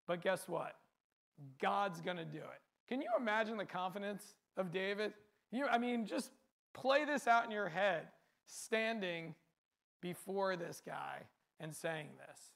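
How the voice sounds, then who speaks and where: A man's voice: high-pitched, gravelly, a bit bright. A man preaching a sermon, speaking earnestly in a repetitive cadence and often asking rhetorical questions.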